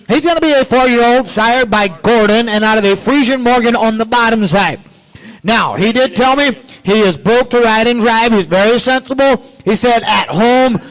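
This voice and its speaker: A man's voice: high voice, poor audio. A man at a livestock auction, introducing each horse for sale in a plain conversational way and passing on what the seller said. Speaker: auction ring announcer. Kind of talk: describing sale lots.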